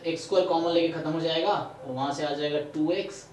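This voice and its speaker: A man's voice: on the high side, steady tone, fast talker, a little mellow, roomy sound, far from the mic, slight background noise, poor audio. A man teaching math in a live online lecture, explaining step by step and often checking in with "है ना".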